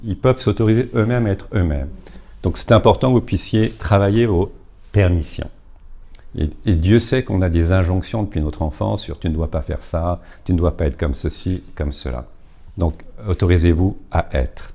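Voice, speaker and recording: Low, mellow-voiced man explaining. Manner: explains step by step with many fillers and repeated words. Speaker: business coach speaker. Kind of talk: informal talk at a business networking event.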